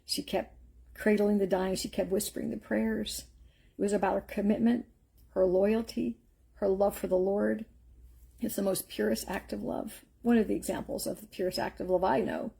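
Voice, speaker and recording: Husky, mellow-voiced woman giving faith encouragement. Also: mid-range voice, steady tone, normal speed. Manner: earnest, rambling, storytelling with filler words. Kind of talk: live-streamed faith encouragement talk.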